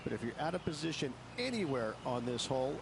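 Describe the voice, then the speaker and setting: A man working as a golf commentary analyst, explaining play in a measured way for a game broadcast. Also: mid-range voice, very animated, creaky. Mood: measured, engaged. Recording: loud music and crowd noise behind.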